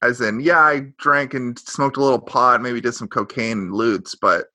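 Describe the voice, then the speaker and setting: With a steady, medium-pitched voice that's bright and forceful, this podcast co-host speaks at a moderate pace in a dry recording. His casual sitcom recap rambles, includes self-corrections and has a sarcastic bite.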